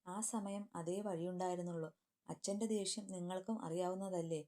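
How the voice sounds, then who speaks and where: A woman's voice: on the low side, steady tone, normal speed, warm tone, natural voice. Woman voicing a curt guarded young husband.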